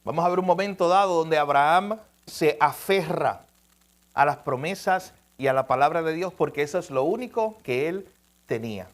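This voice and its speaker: Preacher guy, high voice, telling a story in his sermon, emphatic, chuckles a lot. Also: expressive, normal speed.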